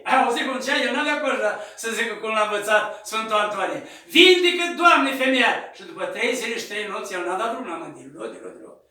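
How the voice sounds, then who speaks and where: A male Orthodox priest telling a saint's story in a sermon, acting out the voices and shouting at the peaks. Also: sits high. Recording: echoey room, distant mic.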